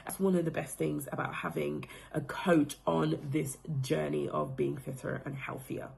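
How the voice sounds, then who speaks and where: A woman's voice: deep voice, fairly even intonation, moderate pace, gravelly, darkish tone. A woman in her thirties from the Democratic Republic of Congo giving a casual, reflective testimonial about being coached, her phrasing loose and full of fillers. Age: 30s.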